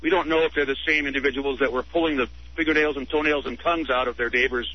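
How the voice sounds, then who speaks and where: A man's voice: mid-range voice, fairly even intonation, quick pace, slight background noise. A man calling in to a radio talk show, making his point in a heated, indignant way. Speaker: radio caller. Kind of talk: call-in radio debate. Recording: dull lo-fi radio broadcast.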